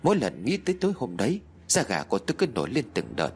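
A man's voice: on the low side, wildly swooping pitch, quick pace, slightly rough. A man narrating a spooky first-person horror story in a tense, dramatic storytelling manner.

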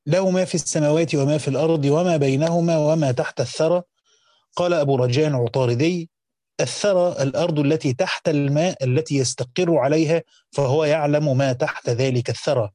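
A man's voice: fairly high pitch, fast talker, warm tone, no room sound, clean studio sound. A man with an Egyptian accent reads a classical Quran commentary aloud and explains it, moving between careful formal reading and casual colloquial asides. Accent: Egyptian Arabic.

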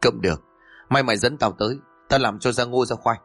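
A man voicing a sharp-tongued middle-aged mother who scolds her son quickly and fiercely, with faint music behind. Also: medium pitch, breathy edge. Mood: angry, scolding.

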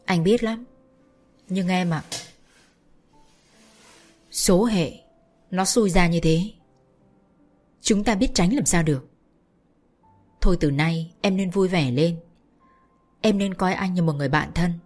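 A woman reading a story aloud, voicing a gentle, heartbroken young man who speaks in sorrowful, resigned tones. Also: on the low side, slow, long pauses, soft background music. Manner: sorrowful, choked pleading.

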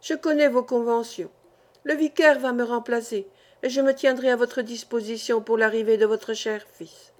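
A woman voicing a kindly older male village priest, speaking in a measured, mildly questioning way. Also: on the high side, steady tone, lightly acted. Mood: calm.

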